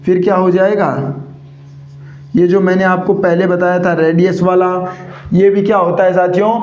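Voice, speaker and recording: A man's voice: high voice, darkish tone. A male teacher giving a grammar lesson, constantly asking questions and repeating the answers. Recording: echoey room, dull lo-fi sound.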